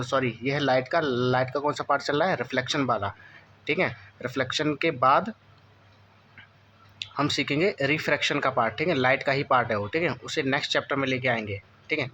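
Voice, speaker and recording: A man teaching a class ten physics lesson, often asking students questions and checking that they follow. He keeps saying "okay" and reads English textbook lines in an Indian English accent, slowly and deliberately. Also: medium pitch, bright, forceful tone, a little hiss or hum. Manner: addresses students as beta, repeats "theek hai" often. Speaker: physics tutor. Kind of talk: board-exam coaching lesson.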